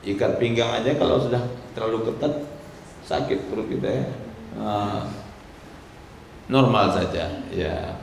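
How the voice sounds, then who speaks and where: A man teaching Quran pronunciation, slow and patient, chanting drawn-out recitation examples. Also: lowish voice, creaky. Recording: echoey hall with faint noise.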